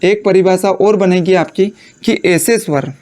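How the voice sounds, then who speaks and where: A man teaching a Hindi lesson. He asks his students questions and answers them himself, and he repeats phrases slowly so they can copy notes. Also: high-pitched, a little mellow. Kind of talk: classroom lecture dictating notes.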